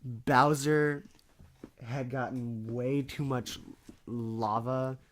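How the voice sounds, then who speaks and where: A man casually telling a story with a co-host, animated and swearing freely. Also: medium pitch, extremely slow, slight background noise. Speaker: podcast co-host.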